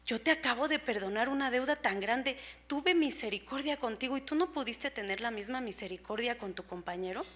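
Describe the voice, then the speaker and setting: A woman retelling a parable voices a stern, indignant ancient king, his tone lifted and reproachful. He fires questions at a servant in sermon storytelling, pitched a little high. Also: expressive, brisk, hardly any pauses, a bit bright.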